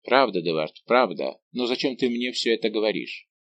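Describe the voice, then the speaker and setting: A man's voice: lowish voice, animated, normal speed, fairly bright tone. A man doing an uneasy lovesick young count.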